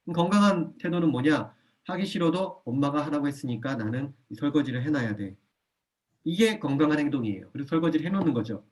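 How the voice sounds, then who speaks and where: A man's voice: on the high side, fast talker. A man lecturing a church parenting class. He speaks with energy, checks that the audience follows, and repeats his key points. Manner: animated, often acts out a parent's lines in a soft voice. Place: church hall.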